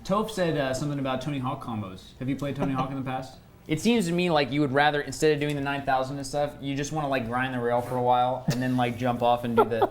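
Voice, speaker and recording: A man's voice: medium pitch, steady tone, fast, crowd noise. A man co-hosting a late night panel chat, boastful and playfully argumentative, laughing often. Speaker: co-host of a late night show.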